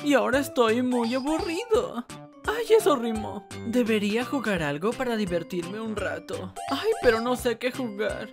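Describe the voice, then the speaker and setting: A woman's voice: fairly high pitch, expressive, moderate pace. A woman voicing Whis, a timid, fussy male angel in a comic fan animation, sighing and shrieking in fright. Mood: bored whiny. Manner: camp, sighs "ay" constantly, shrieks when scared. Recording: game music playing behind the voice.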